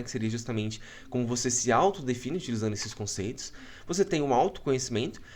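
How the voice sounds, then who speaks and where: A man teaches an online psychology course from his home. His voice sits a little high for a man, and he explains patiently, punctuating nearly every point with a checking question to his listeners. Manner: frequent checking tags, explanatory. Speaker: psychology lecturer.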